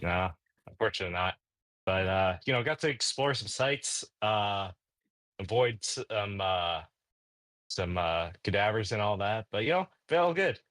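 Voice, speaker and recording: A man's voice: on the low side, animated, measured pace, fairly bright tone, no room sound. A man voicing a friendly, easygoing brother-in-law in a tabletop game, rambling with many fillers. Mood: jovial. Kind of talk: in-character tabletop role-play.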